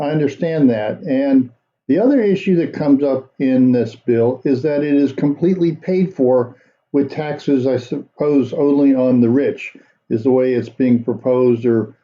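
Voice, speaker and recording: Man, political commentary host, very dark mellow tone, dull lo-fi recording, measured delivery. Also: medium pitch. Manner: measured, conversational with fillers.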